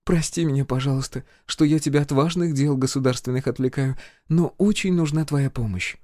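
A man voicing a sarcastic, unflappable middle-aged woman healer in an audiobook, mocking and drawn-out. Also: on the high side, lively intonation, dark tone, dry recording, studio quality, voice pushed up, close to an everyday voice. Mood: sweetly ironic.

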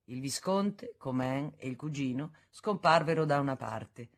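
Woman narrating an audiobook, husky voice, steady expressive delivery. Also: very deep voice. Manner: measured, expressive reading. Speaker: audiobook reader. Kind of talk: scripted literary narration.

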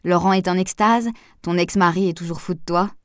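A woman reading an audiobook, voicing a lively, impulsive young woman who talks emphatically. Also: fairly low pitch, fairly quick, no room sound, studio quality, natural voice.

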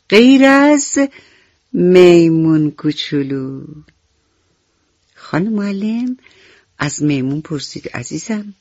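A woman narrating a bedtime story for children on the radio, slow and affectionate. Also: low voice, dry recording. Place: radio studio. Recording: dull lo-fi radio recording with soft music.

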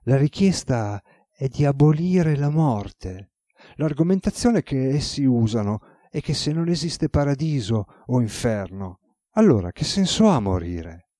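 A man's voice: mid-range voice, sing-song, unhurried, dark tone, no echo, studio quality. A man voicing a formal, deferential male secretary who reports in a reverent, stiff way. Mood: dutiful.

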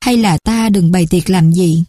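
A woman's voice: fairly low pitch, moderate pace, dark tone, dry recording, studio quality, lightly acted. A woman voicing a middle-aged man who pretends to be poor, sly in his thoughts and whining when he pleads. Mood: plaintive.

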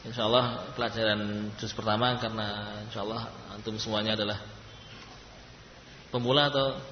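A man teaching a class to read Arabic letters, who sounds them out loud and explains them patiently. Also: fairly low pitch, level tone, a little hiss or hum. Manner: patient, demonstrates letters loudly and slowly. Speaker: Quran reading teacher. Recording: echoey hall, dull lo-fi sound.

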